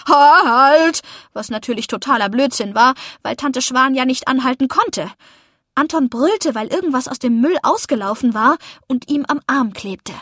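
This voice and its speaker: High-voiced woman reading a children's story. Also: no echo, studio quality. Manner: lively storytelling, first-person child narrator. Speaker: narrator. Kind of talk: audiobook narration of a children's story.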